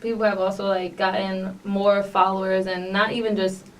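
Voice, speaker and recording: A woman's voice: mid-range voice, flat delivery, normal speed. A young woman with a New York accent, a guest on a podcast, chatting upbeat with lots of fillers. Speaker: guest artist. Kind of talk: casual podcast interview. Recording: distant mic with faint noise.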